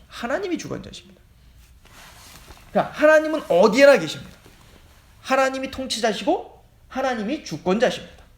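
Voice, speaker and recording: A male pastor giving a lively sermon, acting out the dialogue of the story he tells. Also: very high-pitched. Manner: animated storytelling, acting out dialogue between God and Satan. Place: church sanctuary. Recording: echoey church hall.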